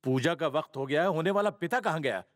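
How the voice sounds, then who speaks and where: An actor dubbing a stern but jovial older family patriarch, speaking in a commanding, scolding way. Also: male voice, a little high, lively intonation, quick pace, no echo, studio quality, natural voice. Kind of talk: Hindi film dub. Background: film score.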